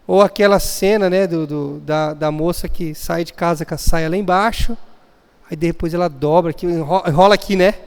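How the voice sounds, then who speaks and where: A man with a high, smooth, resonant voice preaches in a church, telling stories and acting out the people in them. His voice rings with a long hall reverb. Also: normal speed. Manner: storytelling, acting out family scenes. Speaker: pastor. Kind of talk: sermon.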